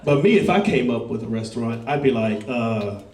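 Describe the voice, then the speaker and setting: High-voiced, animated man doing self-mocking stand-up, caught off-mic in an echoey room. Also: a little fast, recorded from a distance, crowd noise. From Los Angeles, US. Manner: playful, self-mocking storytelling. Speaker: stand-up comedian. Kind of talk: stand-up routine.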